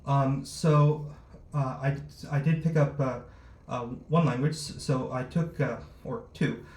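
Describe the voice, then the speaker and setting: A man's voice: medium pitch, steady tone, darkish tone. Startup founder, male, hesitant and filler-heavy, recorded in a roomy space. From born in Luxembourg, raised abroad. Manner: halting, many fillers and restarts. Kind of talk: interview answers. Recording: roomy echo, faint noise.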